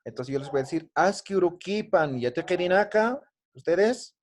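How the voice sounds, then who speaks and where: A man's voice: high voice, animated, normal speed, a little mellow. A man teaching an online language class, patiently drilling greetings and often ending phrases with a questioning "¿no?".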